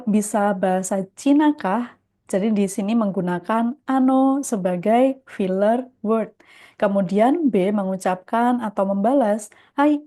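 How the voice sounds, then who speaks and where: A woman's voice: a little high, mellow. A woman teaching a beginner Japanese lesson, patiently explaining textbook dialogues word by word and reading out Japanese phrases.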